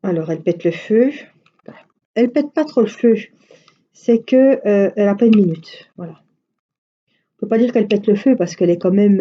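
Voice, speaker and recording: A woman's voice: lowish voice, lo-fi sound. A middle-aged woman chatting casually on a live stream, rambling through everyday anecdotes. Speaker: craft live-stream host.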